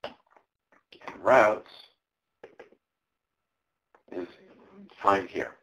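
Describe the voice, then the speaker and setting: At a conference, a tech presenter gives a live coding walkthrough, casual and explanatory with ums and uhs, while losing his voice. His voice is on the low side and fairly bright, with drawn-out words and poor audio.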